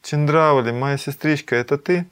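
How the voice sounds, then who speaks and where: A man's voice: normal speed, clear, resonant tone, close to an everyday voice. A man voicing a tearful young heroine. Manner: high, exclaiming, emotional.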